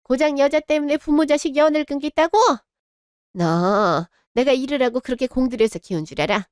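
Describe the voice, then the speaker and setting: A woman's voice: sits high, lively intonation, normal speed, a little mellow, smooth, no room sound, clean studio sound. A woman voicing a harsh, cruel older mother-in-law in a radio drama, scolding and contemptuous. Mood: indignant.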